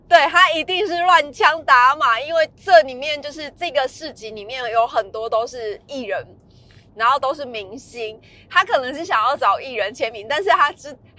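A woman's voice: high-pitched, bright, forceful tone, dry recording. A woman, casually telling a story in a vlog, laughing often and acting out the lines she quotes.

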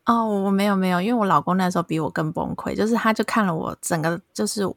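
Gravelly-voiced Taiwanese woman telling a story. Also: medium pitch, fast, dry recording, clean studio sound. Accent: Taiwanese Mandarin. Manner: animated storytelling. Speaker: podcast host. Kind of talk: casual chat.

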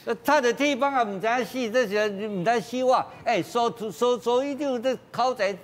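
A man's voice: very high voice, moderate pace. A man with a Taiwanese Mandarin accent, a political commentator on a TV talk show, blunt and joking, often repeating his words.

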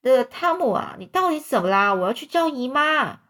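Lady doing a panicky little boy in a storybook, high squeaky voice, keeps fussing. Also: very animated, brisk, a bit bright. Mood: alarmed. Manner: urgent, fussing, high-pitched pleading. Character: anxious excitable young boy, Tom's little brother.

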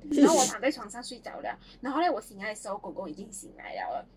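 A woman's voice: mid-range voice, very animated, fast, darkish tone, slightly rough. A young woman, animatedly telling childhood stories in a casual chat and laughing often. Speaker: podcast co-host.

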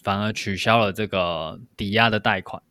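Man, lowish voice, casual discussion, explanatory, dry sound. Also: fairly even intonation, normal speed, pushed and bright, no room sound. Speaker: podcast co-host.

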